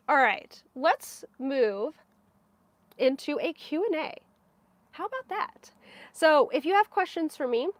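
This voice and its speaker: A woman's voice: on the high side, dry recording. A woman hosting her knitting podcast live, chatting casually with frequent little laughs and fillers. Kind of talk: casual live-stream chat.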